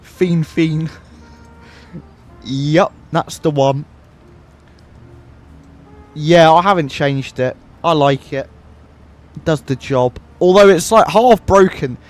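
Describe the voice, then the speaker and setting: A man chatting casually on a flight sim livestream, relaxed and laughing often, speaking into a headset mic. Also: fairly high pitch, slow pace, long pauses, soft background music. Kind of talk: casual livestream chat while flying. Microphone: headset microphone.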